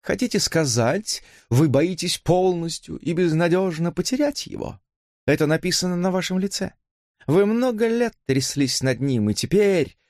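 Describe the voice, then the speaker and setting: A man's voice: high voice, a little mellow, no room sound, voice pushed up. A haughty, glamorous woman with a languid, drawling voice, as a male audiobook reader puts her on. She lets her scorn rise and fall in a raised register. The reading is close and dry.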